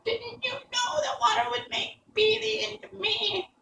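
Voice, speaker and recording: A man voicing a wicked, spiteful old witch from a storybook in a shrill, wailing falsetto. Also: a little slow, vocal fry, sharp tone, heavily acted. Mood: wailing, desperate. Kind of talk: storybook character reading. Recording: roomy, distant mic with background noise.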